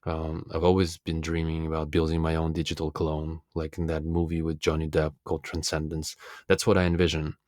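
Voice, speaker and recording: A Russian-speaking man, a self-development coach and speaker, delivers an earnest, deliberate philosophical self-help monologue in a very low, completely flat voice with little melodic movement. His tone is darkish, and the recording is dry and close, with no echo or room reflections.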